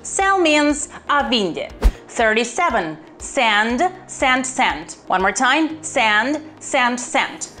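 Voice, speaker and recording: A woman's voice: on the high side, very animated, bright, forceful tone, faint music behind. Upbeat woman teaching English. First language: Romanian. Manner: upbeat, encouraging, repeats words slowly and clearly. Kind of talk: online language lesson.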